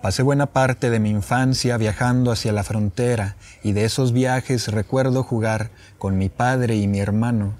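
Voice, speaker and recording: Reciting poetry he wrote himself, a young man with a northern Mexican accent from Chihuahua first introduces each piece. He sits on an open patio among wooden furniture, and his voice is on the low side with a darkish quality.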